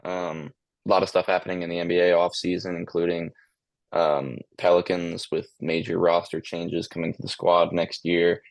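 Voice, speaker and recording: A man co-hosting a casual sports podcast in a monotone voice, hesitant, with many ums and restarts. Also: low-pitched, normal speed, creaky, no room sound. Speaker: podcast co-host.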